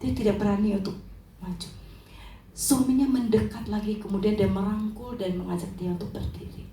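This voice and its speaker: A woman's voice: mid-range voice, fairly quick. A woman speaker at a church seminar, telling a story in sermon style, acting out the characters and asking the audience questions. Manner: animated, acts out the characters, asks the audience questions. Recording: echoey hall from far off.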